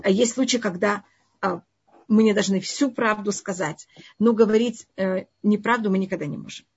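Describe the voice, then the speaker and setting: Speaking at a moderate pace, this woman has a medium-pitched, darkish voice with a breathy edge and a foreign accent in Russian, which isn't her native language. As a religious teacher answering viewers' questions in a live online lesson, she stresses her ideas by saying them again in different words, over dull, low-fidelity stream audio.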